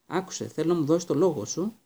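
A man doing a worried wizard father, hushed. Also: expressive, breathy edge. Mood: urgent. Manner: low, hushed and urgent. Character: earnest, worried middle-aged wizard father.

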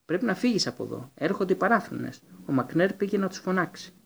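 A man's voice: sits high, lively intonation, gravelly, slightly rough, pitched above the performer's own voice, exaggerated voice. A man reading an audiobook, voicing an urgent, breathless teenage boy wizard.

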